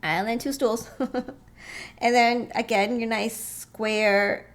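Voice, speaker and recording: A woman with a fairly high voice talks through floor plans in a loose, conversational way. She thinks aloud with frequent pauses and small chuckles. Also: level tone. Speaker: real estate vlogger. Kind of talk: casual walkthrough commentary.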